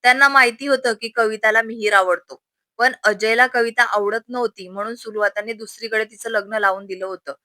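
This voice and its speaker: Woman storyteller, steady narration, bright voice, dry recording. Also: fairly high pitch, a little fast, dry recording.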